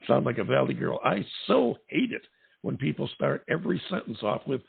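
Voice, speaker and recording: A man hosts an interview over a tinny, phone-like line that sounds close and dry. His voice is heavily gravelly and raspy, set at a medium pitch. He chats casually and rambles into asides. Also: big pitch swings, moderate pace, no echo. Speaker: awards show host.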